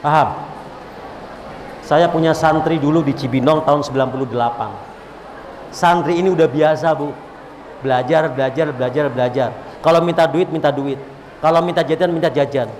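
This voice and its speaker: A male preacher, preaching a lively sermon and calling out to the crowd. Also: a little high, moderate pace, pauses often. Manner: animated, repetitive, calls out to the crowd. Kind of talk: religious sermon at a gathering. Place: large hall at a religious event. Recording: echoey hall, faint background noise.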